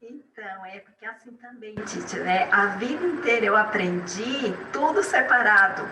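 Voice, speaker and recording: A woman with a Brazilian Portuguese accent, a student answering her teacher briefly and softly. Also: mid-range voice, animated, moderate pace, echoey room, recorded from a distance, crowd noise, rough recording.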